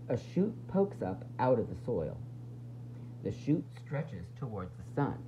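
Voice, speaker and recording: Reading a children's nonfiction book to young listeners, a woman teacher speaks in a rumbling low, dark voice. She explains it expressively and asks the children questions. The recording is muffled, with slight background noise.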